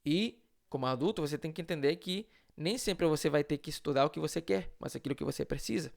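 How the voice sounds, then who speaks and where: A man's voice: fairly high pitch, fast talker, gravelly. A man from Chile with a Chilean Spanish accent, a Spanish teacher giving a live online lesson in a conversational way, often adding tag questions and answering his own rhetorical questions.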